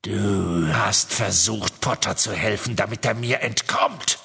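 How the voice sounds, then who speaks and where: A cruel dark wizard, speaks in a gravelly, rasping voice full of cold menace. His bright, cutting tone swoops wildly up and down as he drags out each accusation. A long reverb hangs around him like he speaks from a vast stone hall. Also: lowish voice, exaggerated voice. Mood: menacing. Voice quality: gravelly, raspy, hissing menace. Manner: slow, cold, interrogating.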